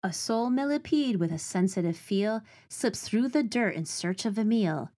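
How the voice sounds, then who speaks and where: A woman with a mid-range voice reads a picture book of rhymes and nature facts aloud to children at a normal speed. Her delivery is expressive and clearly phrased.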